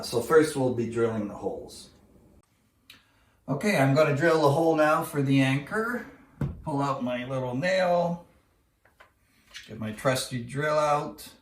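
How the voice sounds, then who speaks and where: A man's voice: medium pitch, roomy sound, far from the mic. Easygoing man explaining a home DIY job. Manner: plain, easygoing step-by-step explaining with small restarts. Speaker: DIY home video host. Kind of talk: casual how-to narration. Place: living room at home, indoors.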